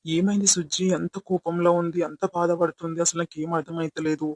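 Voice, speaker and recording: A man voicing a puzzled, soft-hearted young husband in a village comedy skit, fretting aloud. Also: a little high, little pitch movement, brisk, dry recording, rough recording. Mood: baffled.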